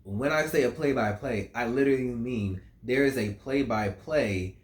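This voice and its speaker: A man breaking down a song as a music reviewer, talking it through in a casual, musing way. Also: mid-range voice. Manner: slow, musing, reads lyrics aloud. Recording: roomy, echoey room.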